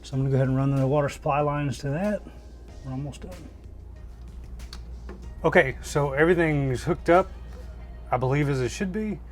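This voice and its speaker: A man inside a small camper giving a casual, hands-on installation tutorial, plain-spoken and thinking aloud as he works. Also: mid-range voice. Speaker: DIY RV vlogger.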